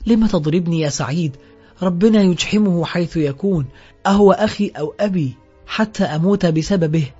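A man's voice: fairly high pitch, a little fast, mellow, slightly rough. A man voicing a frightened middle-aged male thief who protests and pleads anxiously, in a dull lo-fi recording with faint music behind. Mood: pleading.

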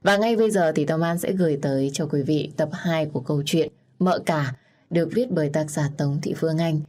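A woman's voice: low-pitched, fairly quick, warm tone. A woman hosting an audiobook channel, greeting listeners formally with a few fillers before narrating a story.

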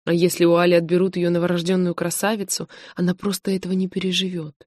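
A woman reading a novel aloud in a steady, measured narration. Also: fairly low pitch, no echo. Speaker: audiobook narrator. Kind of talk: scripted narration.

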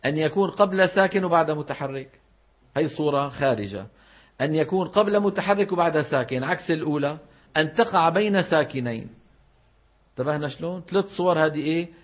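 A man teaching recitation rules to a class, questioning his students and reciting examples slowly. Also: a little high. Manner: explains with frequent questions to the class. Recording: dull lo-fi recording.

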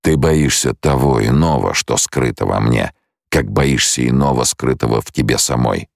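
A reserved, loyal mentat guardian, voiced by a man reading the audiobook. He sounds extremely low and gravelly, speaking quietly and steadily. The recording is dry. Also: normal speed, no echo. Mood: measured.

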